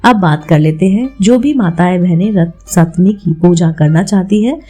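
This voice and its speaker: Hosting a devotional channel, a woman narrates an explainer with religious tales, guiding listeners as though they were friends. Her voice is lowish, dark and husky, at normal speed, with faint music playing behind her.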